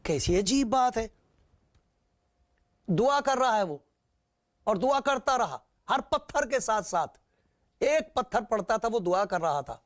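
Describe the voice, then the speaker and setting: A man's voice: high-pitched, animated, long pauses. A man preaching a sermon, retelling scripture with repetition and rhetorical questions.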